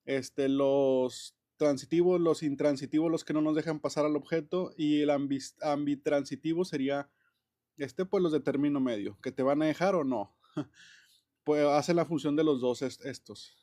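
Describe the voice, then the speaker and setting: A man with a slightly high voice explains grammar to his class in a loose, friendly classroom manner. He keeps restarting his sentences and filling pauses as he goes. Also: dark tone. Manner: chatty, many fillers and restarts, laughs often. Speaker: English teacher.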